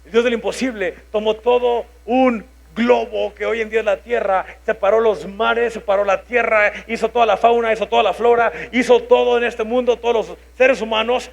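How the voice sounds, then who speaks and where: Animated high-voiced Mexican preacher. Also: male voice, moderate pace, creaky, few pauses. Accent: Mexican Spanish. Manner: animated, acts out his own inner voice. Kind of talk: sermon with personal story.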